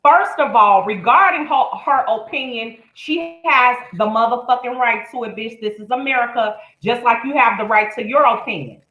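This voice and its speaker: A woman's voice: fairly high pitch, moderate pace, hardly any pauses, echoey room, narrow, tinny audio. A woman hosting a live stream, giving blunt, profane, indignant commentary. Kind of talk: heated commentary.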